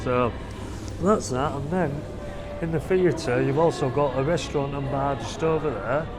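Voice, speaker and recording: With music playing behind him, a family vlogger speaks in a mid-range voice, a little slowly. He films on a handheld camera while casually narrating a walking tour through a theatre's foyer and a private box.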